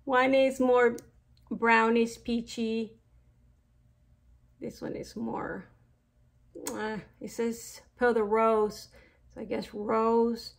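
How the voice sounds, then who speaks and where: A fairly high-pitched, creaky voice with flat delivery belongs to a middle-aged beauty vlogger from Mexico. She reviews makeup products casually in a Mexican Spanish accent, speaking slowly with fillers and trailing side comments.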